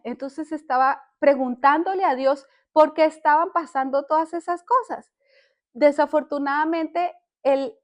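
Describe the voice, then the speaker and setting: An older woman gives a heartfelt faith testimony on a podcast. Her voice sits high, and she speaks earnestly, stopping often to restart a word or a sentence. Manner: earnest, halting, with many restarts. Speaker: podcast host.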